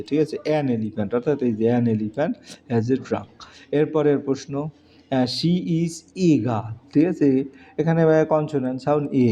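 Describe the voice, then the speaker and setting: Male tutor, Bengali accent, warm low tone, dull lo-fi sound, drills English answers slowly. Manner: reads English answers slowly, then explains quickly with Bengali translation. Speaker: teacher. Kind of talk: exam-prep lesson. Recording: dull lo-fi recording.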